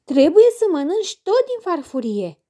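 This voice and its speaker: A woman's voice: very high voice, sing-song, mellow, voice pushed up. A woman doing an insistent storybook mother. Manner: urging, coaxing. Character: insistent mother coaxing her child. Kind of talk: storybook character voice.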